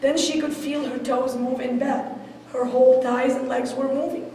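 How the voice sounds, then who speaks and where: Woman presenter, high voice, vivid storyteller, sounds far off in a really echoey hall. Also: steady tone, normal speed, dark tone, slight background noise. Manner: vivid storyteller who acts out quoted speech. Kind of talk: storytelling talk.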